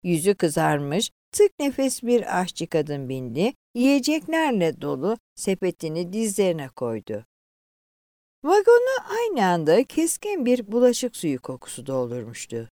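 A woman's voice: on the low side, wildly swooping pitch, unhurried, dark tone, no echo, clean studio sound. Woman narrating a story expressively.

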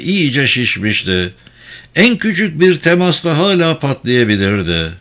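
A man narrating a thriller audiobook in a steady, measured reading voice. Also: fairly low pitch. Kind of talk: scripted narration.

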